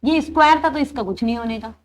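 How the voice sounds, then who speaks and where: Young female lecturer, high-pitched, patient step-by-step explainer who poses and answers her own questions. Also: fast talker. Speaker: teacher. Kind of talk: engineering lecture.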